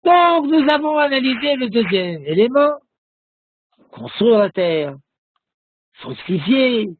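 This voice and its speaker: A man, a rabbi, giving a recorded religious lesson, telling a story slowly with many hesitations. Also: very high-pitched, big pitch swings, no room sound, phone-quality sound. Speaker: rabbi teaching a class.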